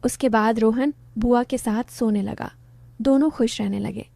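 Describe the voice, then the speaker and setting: A woman narrates a story in an even, plain way. Her voice sits a little high but sounds mellow and soft-edged. The recording is close and dry, with no room around it. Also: unhurried, vocal fry, dry recording.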